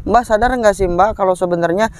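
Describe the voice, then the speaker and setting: A man's voice: high-pitched, a little fast, a little mellow, a little hiss or hum, lightly acted. An actor playing a stern male Islamic exorcist who scolds and urges in a homemade skit. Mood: scolding. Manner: scolding, urgent.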